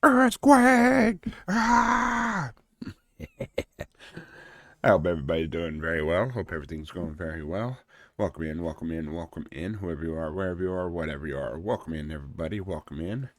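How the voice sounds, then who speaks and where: A man's voice: rumbling low, quick pace, darkish tone, no room sound, studio quality. A man hosting his own live stream in casual chat, playful and joking, swearing freely. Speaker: streamer host.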